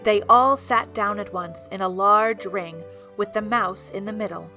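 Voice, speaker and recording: Female storybook narrator for audio drama, bright and clear-cut tone, light music underneath. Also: mid-range voice, a little slow.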